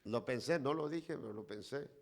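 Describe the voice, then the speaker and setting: Gravelly evangelist preaching. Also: male voice, medium pitch, lively intonation, moderate pace. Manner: storytelling, building to loud impassioned preaching. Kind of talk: Pentecostal sermon with personal testimony.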